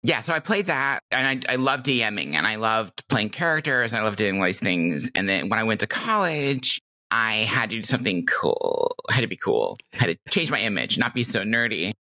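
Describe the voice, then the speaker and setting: A middle-aged woman, a game master appearing as a podcast guest, chats casually and enthusiastically while telling anecdotes. She has a bass voice with a sing-song lilt, a brisk pace, and a sharp tone.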